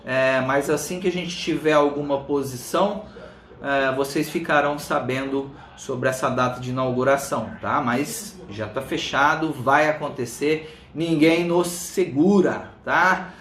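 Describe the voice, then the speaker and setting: Chatting with his viewers by name, a Brazilian man who's a fitness coach runs a casual live stream, speaking a little slowly in a mid-range, fairly bright voice. A swollen tongue makes his speech slightly thick, and the audio echoes around the room.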